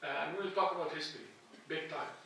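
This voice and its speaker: A man's voice: a little high, quick pace, pushed and bright, slight background noise. A middle-aged man from Egypt giving a classroom lecture at a lectern, earnest and thinking aloud with frequent restarts. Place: lecture hall with a projected slide. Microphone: handheld mic at a lectern, filmed from a distant camera. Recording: echoey hall from far off.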